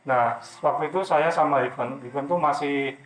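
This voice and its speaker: A man's voice: on the high side, normal speed, a little hiss or hum. A man preaching and telling a personal testimony in a loose, repetitive way. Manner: loose, repetitive talk with many fillers. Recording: echoey room.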